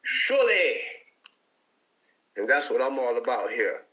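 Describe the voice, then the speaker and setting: A man from Detroit, Michigan, sitting on a panel, delivers a forceful, preacher-style testimony during a heated debate, repeating words for emphasis. His mid-range voice is very animated, bright and measured in pace, though the recording is reverberant and muffled.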